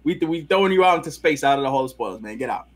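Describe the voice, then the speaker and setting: A man co-hosting a casual podcast, animated and joking, heavy on slang. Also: mid-range voice, very fast. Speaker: podcast co-host. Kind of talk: casual chat.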